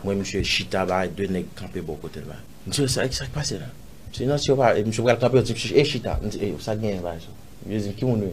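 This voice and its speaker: A man with a Haitian accent, an interview guest recounting a personal story, acting out other people's lines with sudden loud jumps and dropping to murmurs. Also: quick pace, slight background noise. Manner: animated, acts out others' lines in raised voice; drops to low murmurs and whispers.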